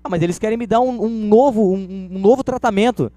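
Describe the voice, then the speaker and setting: A man's voice: high-pitched, fast, mellow, no echo, voice pushed up, natural voice. A man voicing a worried young wife in a plaintive, anxious tone.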